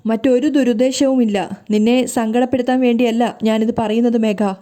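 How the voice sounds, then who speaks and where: Grave middle-aged father voiced by a woman, sorrowful, slow, careful, higher mellow voice. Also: steady tone, lightly acted. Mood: solemn.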